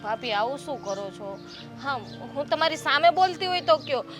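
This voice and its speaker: A chatty young daughter-in-law from the city, played by a woman, pleads and defends herself in a high voice. Music plays clearly behind her throughout this family drama. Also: expressive, normal speed. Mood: pleading.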